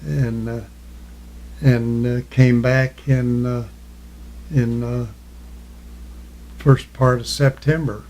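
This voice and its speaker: Slow, mellow old veteran remembering. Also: male voice, mid-range voice, level tone, a little hiss or hum. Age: elderly, 80s or older. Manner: old veteran remembering, halting recall in short plain answers. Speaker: war veteran being interviewed. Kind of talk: reminiscing in an oral history interview.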